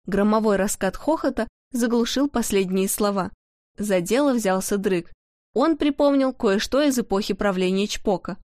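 A woman narrating a children's storybook in a lively, expressive way. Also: medium pitch, moderate pace, no echo, studio quality.

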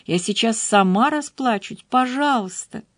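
A woman's voice: fairly high pitch, animated, unhurried, fairly bright tone, no room sound, clean studio sound. A woman voicing an outspoken, exasperated female friend who scolds and pleads emphatically. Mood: pleading.

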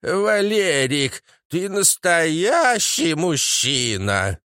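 Man playing a stubborn doting old granny, slow drawn-out speech, swooping pitch, fairly high voice, audiobook. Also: sing-song, bright, forceful tone, no echo, clean studio sound, full character voice. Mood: pleading. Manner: drawn-out pleading lilt.

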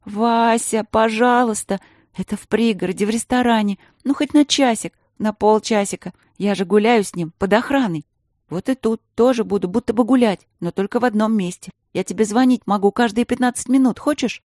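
A woman's voice: medium pitch, brisk, hardly any pauses, a little mellow, no room sound, clean studio sound, close to an everyday voice. A woman reading an audiobook voices a young princess, an eager, bubbly younger sister who pleads breathlessly. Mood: pleading.

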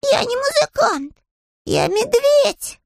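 A woman's voice: very high voice, very animated, takes it slowly, creaky, no echo, clean studio sound, pitched above the performer's own voice, exaggerated voice. A woman voicing a small, polite, earnest young bear in a storybook reading. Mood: stern.

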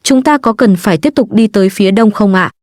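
A woman's voice: medium pitch, fairly quick, darkish tone, no echo, studio quality, lightly acted. A woman doing an earnest, loyal young guard. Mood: respectful. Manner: deferential.

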